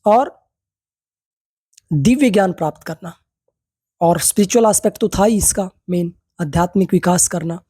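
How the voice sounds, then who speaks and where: Husky-voiced man lecturing students. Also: sits high, mellow, no room sound, studio quality. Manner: reads English text slowly, then explains in Hindi with frequent tag questions; rhetorical questions to students. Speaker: yoga teacher.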